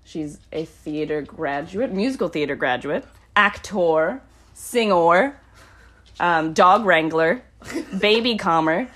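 A woman's voice: lowish voice, slow pace, a bit bright. A young woman hosting a podcast in casual chat, rambling and swearing, often giggling as she introduces friends. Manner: giggly, breaks into laughter often. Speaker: podcast host.

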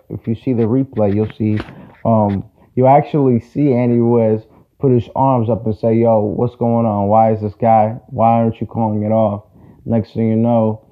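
A man hosting a casual sports talk show, giving his opinions in a conversational way and repeating points for emphasis. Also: lowish voice. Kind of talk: casual solo sports commentary. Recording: tinny phone-like audio.

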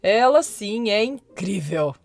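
A woman's voice: mid-range voice, sing-song, slow pace, gravelly, full character voice. A woman voicing a sassy talking magic mirror in a children's storybook reading, with a cheeky, drawling delivery.

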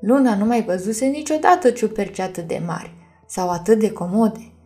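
A woman narrating a fantasy audiobook in a calm, measured reading. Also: mid-range voice, soft background music. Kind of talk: scripted storybook narration.

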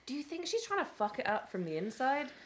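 A woman's voice: sits high, big pitch swings, fast. A young woman co-hosting a podcast in casual chat, irreverent and joking, often swearing. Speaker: podcast co-host.

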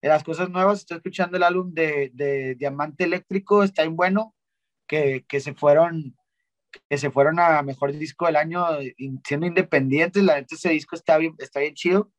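A young man from Monterrey, telling stories as a guest in a casual, slangy, animated way with lots of restarts. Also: a little high, moderate pace, no echo. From Monterrey, Mexico. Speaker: guest singer-songwriter. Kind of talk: casual interview chat.

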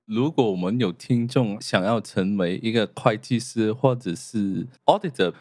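A man's voice: lowish voice, normal speed, darkish tone, no echo. Casual male podcast host, dry sound. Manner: mixes English words into Mandarin speech. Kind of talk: casual interviewing.

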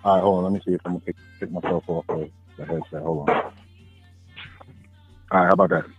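A man's voice: deep voice, steady tone, quick pace, breathy edge, faint music behind. A man calling in from outdoors on a phone, his voice muffled as if heard through a wall, greeting people in laid-back slang. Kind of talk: casual chat. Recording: muffled tinny phone line.

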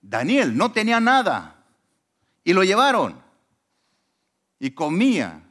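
A man preaching a sermon as a pastor, conversational and animated, often asking rhetorical questions. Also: high voice, slow pace.

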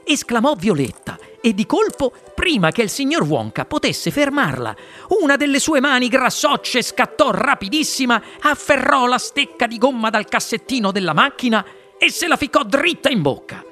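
A narrator reading a children's story aloud with expressive storytelling. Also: medium pitch, normal speed, soft background music. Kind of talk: audiobook narration.

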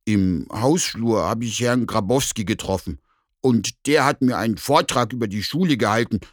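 A man voicing a grumpy but good-natured bear in a children's story, with a slow, grumbling manner. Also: fairly low pitch, no room sound, clean studio sound, natural voice.

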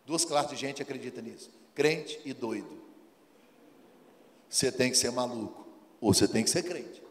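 A man's voice: medium pitch, darkish tone. A man preaching a sermon, acting out dialogue and firing rhetorical questions at the congregation. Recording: long hall reverb.

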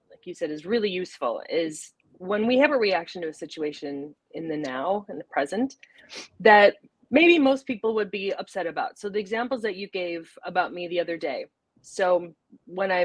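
A woman's voice: medium pitch, dry recording. A woman, a psychologist guest congested from a sinus infection, explaining things informally with everyday examples. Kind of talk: casual explanatory interview talk.

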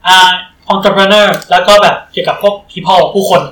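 A man co-hosting a podcast in casual chat, chatty and quick to laugh. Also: sits high, level tone, a bit bright, far from the mic, slight background noise. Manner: chatty, laughs often, reads details aloud. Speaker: podcast co-host. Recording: roomy, from off-mic, faint ambience.

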